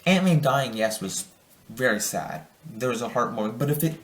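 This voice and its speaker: A man's voice: mid-range voice, animated, moderate pace, reverberant. A young man giving a casual spoiler review of a film, rambling and enthusiastic, often restarting his sentences. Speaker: movie reviewer.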